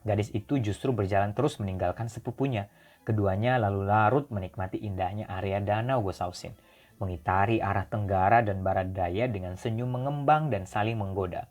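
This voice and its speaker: A man reading a story aloud as an audiobook narrator, in a calm, even manner. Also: lowish voice, fairly quick. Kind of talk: scripted narration.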